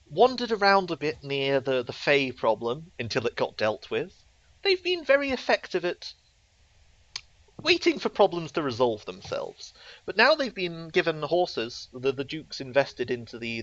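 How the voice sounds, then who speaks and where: A man's voice: medium pitch, fairly bright tone. A man narrating a tabletop game as game master, rambling and self-deprecating with many fillers, on a slightly muffled recording.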